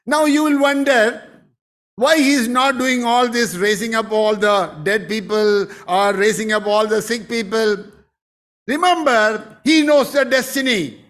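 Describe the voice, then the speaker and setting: A man with a very high voice preaches slowly and deliberately, drawing out each phrase. He is the pastor delivering a sermon, and he keeps pressing his points with emphatic exclamations. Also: a bit bright.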